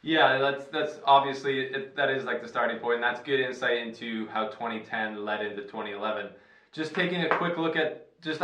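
A man from Canada, hosting a casual sports talk show in a relaxed, chatty way with fillers and restarts. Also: medium pitch. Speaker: host. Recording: roomy sound, distant from the mic.

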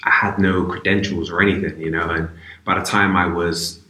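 A man's voice: sits low, level tone, moderate pace, sharp tone. A man from Bristol, chatting casually and reflectively as an interview guest. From Bristol, England. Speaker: basketball player, interview guest. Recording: roomy, echoey sound.

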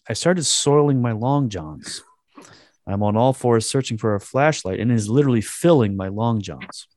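A man's voice: medium pitch, darkish tone, no room sound, studio quality. A man co-hosting a casual chat, reading a post aloud with crude jokes and frequent laughs. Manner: crude joking, laughing often. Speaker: podcast co-host.

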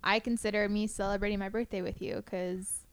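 A woman's voice: mid-range voice, little pitch movement, brisk, clear, resonant tone, no echo. A woman in her twenties teasing her partner on a casual podcast. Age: 20s. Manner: teasing, playful. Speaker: podcast guest. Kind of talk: casual chat.

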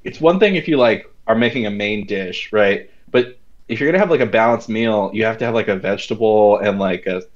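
A man chats loosely, circling his thoughts with constant fillers. His voice sits on the low side. The recording sounds slightly dull and lo-fi. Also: a little fast. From United States. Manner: rambling, filler-heavy, lots of "like" and "you know". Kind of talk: casual chat.

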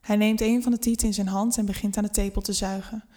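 A woman's voice: mid-range voice, flat delivery, quick pace, dark tone. Woman reading an intimate adult story. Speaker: story narrator. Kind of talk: scripted first-person erotic story reading.

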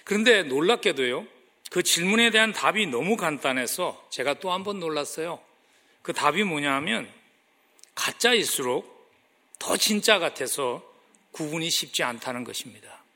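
Man, pastor, sermon, bright ringing voice, slightly high, earnest emphasis. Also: lively intonation, moderate pace. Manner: earnest preaching, rising emphasis on key phrases.

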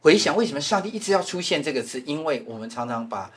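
A man with a Taiwanese Mandarin accent, a pastor teaching a Bible class in a lively lecturing way, repeating phrases and tagging sentences with "ha". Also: on the high side, fast talker. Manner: animated, repeats phrases, frequent "ha" tag fillers.

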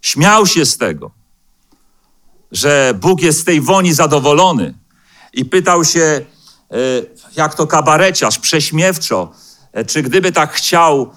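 A man preaching a sermon as pastor in a church, speaking in a measured way and slowing down to quote scripture, with the odd hesitant filler. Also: on the high side, big pitch swings, a bit bright. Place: church hall.

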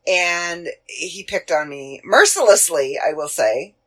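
A Canadian woman in her forties hosts a podcast, chatting casually about past episodes in a rambling way, searching aloud with plenty of fillers. Her voice is lowish and a bit bright, animated yet slow-paced. She has a Canadian accent.

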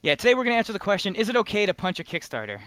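A man hosting a casual gaming podcast, energetic and joking, laughing often. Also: high voice, racing, dry recording. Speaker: podcast host.

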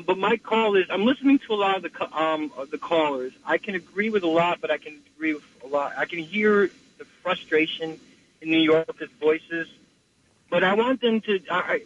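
A man's voice: sits high, a bit bright, a little hiss or hum. A man calling in to a radio show over a phone line, ranting passionately and restarting often. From New York. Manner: impassioned, rambling rant with many restarts. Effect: caller heard over a phone line.

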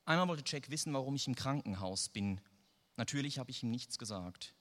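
A man's voice: medium pitch, animated, fairly quick, a bit bright. A man reading a first-person story aloud in a dry, wry manner. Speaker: narrator. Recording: long reverb.

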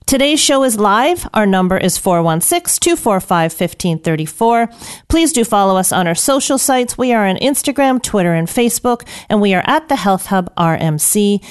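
Woman, radio show host, chatty, rambling, smooth resonant voice. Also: medium pitch. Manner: chatty, rambling, laughs often. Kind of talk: live radio health show chat.

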